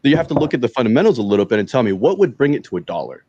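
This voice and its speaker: A man co-hosting a finance podcast, talking in an animated way, laughing and correcting himself as he goes. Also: mid-range voice, rapid-fire, breathy edge, no echo, highs cut off. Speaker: podcast co-host. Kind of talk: casual chat.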